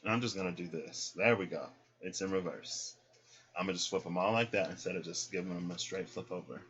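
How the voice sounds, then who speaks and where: A deep-voiced man talks briskly through a casual tarot reading with a spiritual bent, explaining every card easily and often ending his points with "right?" Sound quality is dull and lo-fi.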